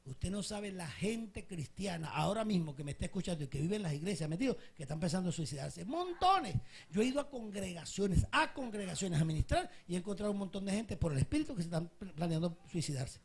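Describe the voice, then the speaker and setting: A man's voice: sits high, lively intonation, quick pace, vocal fry, few pauses, a little mellow, slight background noise. A male pastor preaching a sermon with passion, telling stories to his congregation. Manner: impassioned storytelling preacher.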